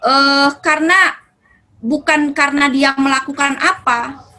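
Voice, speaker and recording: A woman's voice: sits high, fairly even intonation, measured pace, pushed and bright, poor audio. A woman speaking as a religious parenting speaker, answering questions in a casual, conversational way and sometimes acting out talks with children. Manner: conversational, acts out mother-child dialogue. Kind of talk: answering audience questions in a seminar.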